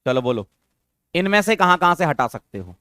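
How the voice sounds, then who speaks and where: A man's voice: a little high, sing-song, normal speed, bright, forceful tone, dry recording, studio quality. A man teaching a chemistry lesson, coaxing his students with questions and repeating the key terms. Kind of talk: classroom lecture.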